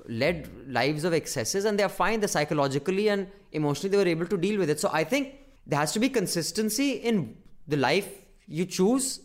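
A man with a North Indian accent chatting casually and emphatically as a podcast co-host, swearing freely. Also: sits high. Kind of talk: casual opinionated chat.

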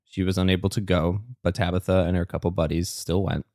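A man with a very low, deep voice that sounds a little strained today. He co-hosts a podcast in easygoing, rambling chat. The sound is dry and close, with no room around it. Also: brisk, no room sound. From Canada. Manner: relaxed, rambling storyteller. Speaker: podcast co-host. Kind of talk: casual chat.

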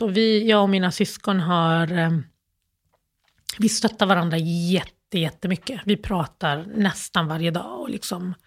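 Halting Swedish woman recalling a loss. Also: fairly low pitch. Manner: halting, many fillers and restarts, acts out past phone calls. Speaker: interview guest. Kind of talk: personal interview, emotional storytelling.

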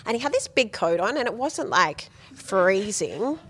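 A young woman telling a story in casual podcast chat, full of "like" and quick laughs. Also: medium pitch, very animated, fairly bright tone, husky. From Australia. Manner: chatty storyteller, many likes and laughs. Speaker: guest.

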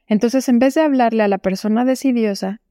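Calm woman giving advice. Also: a little high, a little fast, no room sound, clean studio sound. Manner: calm, explanatory, speaks directly to the listener. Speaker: podcast host. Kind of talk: solo advice podcast.

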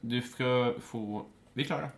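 A man hosting a casual chat show, making brief dry remarks. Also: mid-range voice. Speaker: show host.

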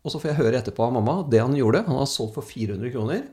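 A man tells casual anecdotes as a speaker, animated and acting out the people he quotes. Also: medium pitch. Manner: animated storyteller, acts out quoted voices. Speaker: speaker telling stories.

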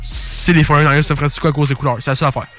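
A young man with a Québécois accent chats about sports in an excitable, slangy way, swearing freely. His voice sits a little on the high side, and faint music plays beneath him. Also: very fast. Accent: Québécois French. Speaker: podcast host. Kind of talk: casual sports chat.

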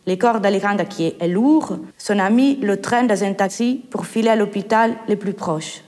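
A woman reading letters aloud in a measured, literary way, as part of a poetry performance. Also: mid-range voice, a little mellow. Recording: long hall reverb.

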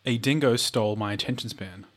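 An Australian man with vocal fry co-hosting a podcast in casual, jokey, sweary banter. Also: lowish voice, fairly quick. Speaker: true crime podcast co-host.

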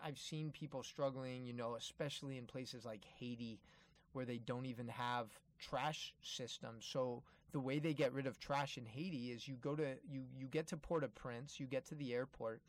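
A man's voice: mid-range voice, no echo. A man giving an informal, earnest motivational talk, addressing listeners directly and repeating key phrases for emphasis. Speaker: motivational travel speaker.

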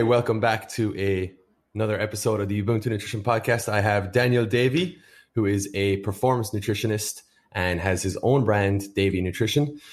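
A man hosting a podcast in a casual, informal and self-deprecating way. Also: fairly low pitch. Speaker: podcast host. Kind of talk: casual chat.

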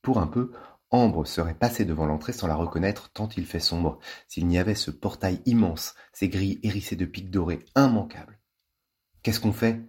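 A man's voice: low-pitched, moderate pace, breathy edge. A man reading a children's novel aloud, playfully and with lots of expression. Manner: lively, playful. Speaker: storybook reader.

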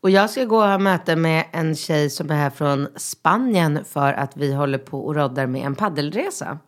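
A woman in her thirties, a mother, chatting casually and telling a lively story, acting out the voices in it. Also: low-pitched. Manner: lively storytelling with acted-out dialogue. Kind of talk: casual chat.

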